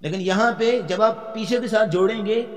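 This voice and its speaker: A man giving a tafsir lecture as a Quran teacher, explaining step by step, putting questions to the class and chanting verses slowly. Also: sits high, fairly even intonation, long reverb tail.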